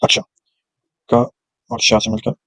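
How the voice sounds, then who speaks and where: A man's voice: a little slow, a bit bright, no room sound, poor audio. A male teacher giving a grammar lesson, explaining patiently and sounding out letters one at a time. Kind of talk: classroom lecture on grammar.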